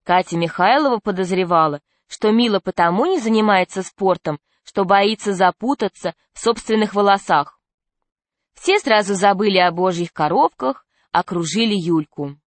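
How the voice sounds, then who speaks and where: A woman narrating a children's storybook in a steady storytelling manner. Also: mid-range voice, normal speed, no room sound. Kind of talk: audiobook narration.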